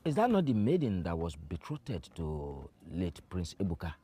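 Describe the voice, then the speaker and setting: An actor playing a stately, amused village king, a man with measured, regal speech and a Nigerian accent in a film drama. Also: sits low, huge pitch swings, dark tone, breathy edge, exaggerated voice. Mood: curious.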